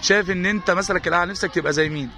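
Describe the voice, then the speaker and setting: A man with an Egyptian accent interviewing young players as a pitch-side sports reporter, firing off repeated questions. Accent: Egyptian Arabic. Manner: rapid, repetitive questioning. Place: outdoor football ground. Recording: noisy outdoor pitch-side recording.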